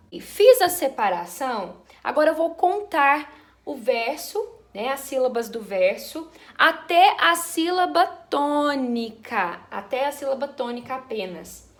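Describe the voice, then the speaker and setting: Slow, gentle woman teacher. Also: high-pitched. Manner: slow, affectionate, explaining step by step. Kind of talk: online school lesson. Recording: echoey room.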